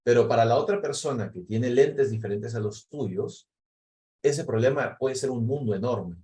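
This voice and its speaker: A man's voice: mid-range voice, normal speed, mellow. A man leading a recorded training session, explaining step by step and often checking in with a questioning tag. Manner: explanatory, often tags phrases with ¿no?; acts out example replies in quoted voices. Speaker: workshop facilitator.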